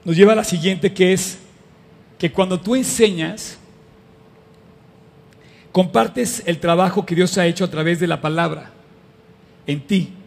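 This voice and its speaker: A middle-aged man preaching a lively sermon to a live congregation, asking the crowd questions as he goes. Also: high voice, measured pace, creaky, pauses often, long reverb tail. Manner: animated and conversational, addresses the audience with questions. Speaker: pastor.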